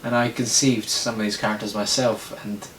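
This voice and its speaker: A man hosts a comedy sketch in a dry, self-deprecating tone. His voice sits on the low side, and it echoes in a roomy space over a faint rumble. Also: little pitch movement, normal speed. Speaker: host reading old scripts.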